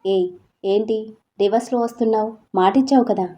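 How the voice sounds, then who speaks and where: Brief: a cold, impatient young husband, acted by a woman in an audio story, mellow low tone, slightly lo-fi audio. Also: fairly quick, lightly acted. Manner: curt, impatient.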